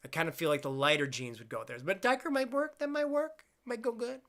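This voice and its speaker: A man in his twenties chats casually on a live stream, reading out viewer questions and rambling with self-deprecating jokes. He has a high, slightly bright voice and talks fast.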